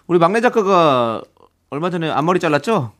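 A man in his forties hosts a radio talk show, talking fast in relaxed banter with his co-host. His voice is slightly high and very lively, and he protests in mock indignation when he gets teased. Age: 40s. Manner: quick, defensive, mock-indignant.

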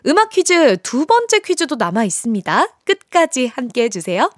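A woman hosting a radio music quiz in an animated game show host manner, sometimes turning sing-song. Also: high-pitched, normal speed, dry recording, clean studio sound.

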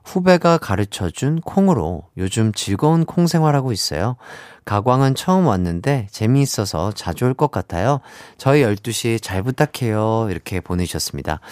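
Casual young male radio DJ, animated pitch, dry close sound. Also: no room sound. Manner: lively, friendly, chatty with light laughter. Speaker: radio show host. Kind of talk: casual radio hosting, reading listener messages.

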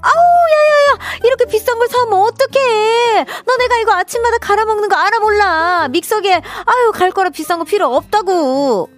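A woman's voice: high-pitched, expressive, moderate pace, hardly any pauses, fairly bright tone, dry recording, faint music behind, pitched above the performer's own voice. A woman voicing a fussy middle-aged mother who keeps sighing and grumbling. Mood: scolding. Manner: fussy, exasperated sighing with repeated 'ayu'. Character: nagging middle-aged mother, grumbling over pricey strawberries.

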